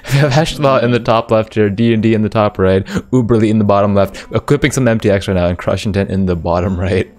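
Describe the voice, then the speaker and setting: Low-voiced upbeat male race commentator. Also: fairly quick. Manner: upbeat, excited by split times, filler-heavy. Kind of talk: live play-by-play commentary.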